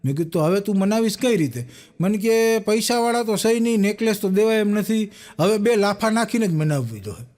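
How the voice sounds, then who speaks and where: A young stand-up comedian with a high, bright voice tells Gujarati folk jokes on a live stage before an audience. He talks fairly quickly and animatedly, acting out the characters he quotes.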